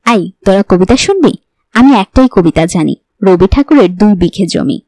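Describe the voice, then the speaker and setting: A woman's voice: medium pitch, animated, moderate pace, a little mellow, no echo. A woman voicing a young pregnant wife who is oddly cheerful. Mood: cheerful, teasing.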